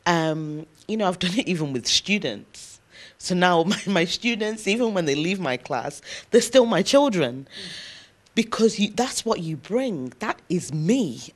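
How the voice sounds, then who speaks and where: Low-voiced woman giving earnest interview answers. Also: animated, unhurried. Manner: earnest and emphatic, thinks aloud with frequent ums. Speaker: interview guest, university lecturer.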